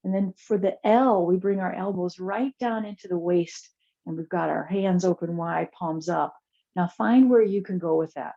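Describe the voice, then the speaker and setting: Soft, mellow, creaky-voiced woman guiding yoga. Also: lowish voice, lo-fi sound. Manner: soft, soothing, unhurried guidance with pauses. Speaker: chair yoga teacher. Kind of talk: guided yoga class and relaxation.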